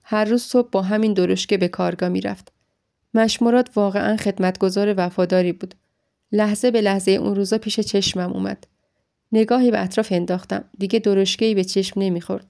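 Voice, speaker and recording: A woman reading a first-person story aloud in a steady, emotional storytelling manner. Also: medium pitch, gravelly. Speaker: audiobook narrator.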